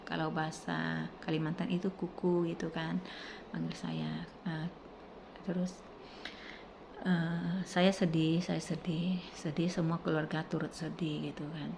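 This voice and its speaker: A woman's voice: deep voice, little pitch movement, unhurried, vocal fry, background noise. A middle-aged woman telling a personal testimony in casual, rambling speech with many fillers and restarts. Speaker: testimony speaker.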